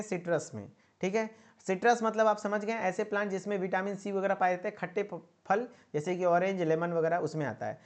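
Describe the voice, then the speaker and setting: A man giving an online lecture to pharmacy students, repeating points and checking in with a coaxing "okay?". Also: high-pitched. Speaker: pharmacy teacher. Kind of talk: online exam-prep lecture.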